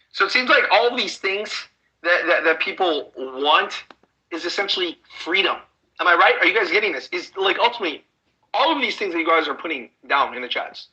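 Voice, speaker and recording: A man from the Chicago suburbs giving an online sales webinar pitch, pushy and constantly asking the audience if they are following. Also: sharp tone, low-quality recording. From United States, Chicago suburbs. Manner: pushy, repeats rhetorical check-in questions. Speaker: online business trainer.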